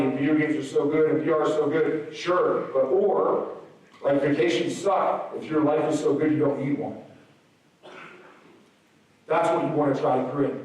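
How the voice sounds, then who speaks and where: Energetic man speaking in an echoey hall. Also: on the high side, recorded from a distance. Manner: energetic, swings between loud peaks and soft asides. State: slightly hoarse. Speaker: motivational speaker. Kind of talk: motivational school assembly speech. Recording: very echoey hall, recorded from afar.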